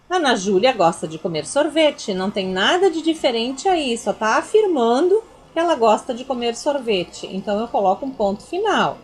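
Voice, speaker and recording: A woman with a Brazilian Portuguese accent, a teacher giving a recorded grammar lesson for children, explaining patiently, repeating herself and pointing things out. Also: fairly high pitch.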